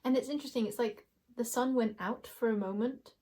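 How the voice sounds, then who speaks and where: A woman's voice: fairly high pitch, fairly even intonation, brisk, warm tone. Giggly, musing woman reading cards. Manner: giggly, musing, talks to viewers as you guys. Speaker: tarot card reader. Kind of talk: intuitive card reading to camera.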